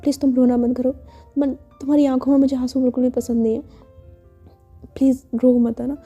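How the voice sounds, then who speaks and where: A woman's voice: high-pitched, flat delivery, fairly quick, dark tone, breathy edge, muffled recording, soft background music. A woman voicing a caring young college woman who stammers through apologies and coaxes her friend to stop crying. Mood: apologetic, tender.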